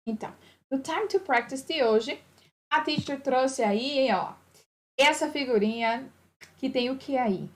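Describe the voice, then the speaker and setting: A woman's voice: high-pitched, unhurried. A woman teaching a basic English lesson, patiently repeating examples and checking understanding. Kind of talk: online English lesson taught in Portuguese.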